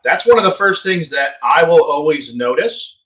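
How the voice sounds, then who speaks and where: A man co-presenting a sales training, chatting in a coaching way with fast asides. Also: fairly high pitch, expressive, bright, forceful tone, low-quality recording. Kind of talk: casual training discussion.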